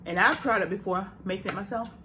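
A woman's voice: medium pitch, fast. A woman hosting a mukbang and chatting casually with viewers. She talks with her mouth full of food and hums between bites. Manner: addresses viewers directly, hums while chewing. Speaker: mukbang host. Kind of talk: casual chat while eating on camera. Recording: noisy background hiss.

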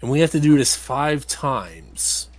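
Speaking in a sing-song, slightly slow way at medium pitch, a man comments casually over a video game he's playing. Like a let's play host, he explains things with a grumbling, critical edge and some mild swearing.

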